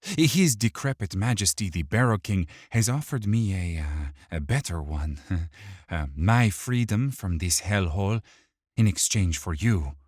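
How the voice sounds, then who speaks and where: A man's voice: lowish voice, animated, unhurried, a little mellow, no echo, studio quality. A man voicing a small, wiry male thief who taunts his captive in a mocking, sing-song way and hides a psychotic rage.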